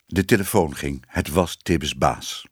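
A man's voice: very deep voice, measured pace, husky, no room sound, studio quality. A man narrating a children's storybook expressively. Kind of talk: storybook reading.

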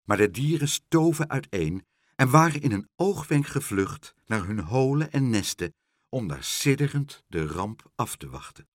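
A man's voice: medium pitch, unhurried, no room sound, studio quality. A man reading a children's storybook aloud, narrating playfully. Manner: lively character voices, playful.

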